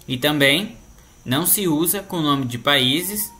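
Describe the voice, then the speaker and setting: A Spanish teacher with a Brazilian Portuguese accent patiently explains a grammar lesson, frequently checking in with the listener and tagging sentences with "né?". His fairly high voice is expressive and sharp in tone, and he takes it slowly.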